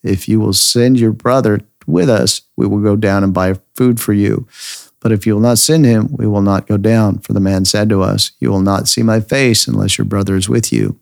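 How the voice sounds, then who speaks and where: A man reading the earnest pledge of an elder brother, low and gravelly. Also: steady tone, normal speed, dry recording, studio quality.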